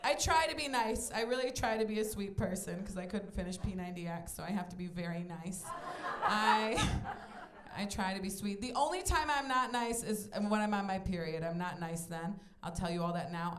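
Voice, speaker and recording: A woman in her twenties performing a stand-up comedy set on a club stage, playful and animated, acting out voices in her quotes. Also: lowish voice, brisk. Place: comedy club stage before a live audience. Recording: echoey club room with audience noise.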